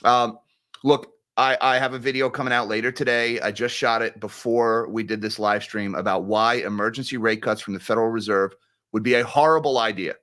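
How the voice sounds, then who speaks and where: A man's voice: medium pitch, fairly even intonation, a little fast, fairly bright tone. A man commenting on a live stream, fiery and mocking as he rants. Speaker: co-host, commentator.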